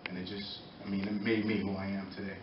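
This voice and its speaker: A middle-aged former boxer from Norwalk, Connecticut, stands up at a public meeting to support a youth program, speaking impromptu in short, halting, earnest phrases with pauses. His voice is low, with little pitch movement. Because he's far from the mic in an indoor meeting room, the recording comes out echoey, muffled, distant and noisy.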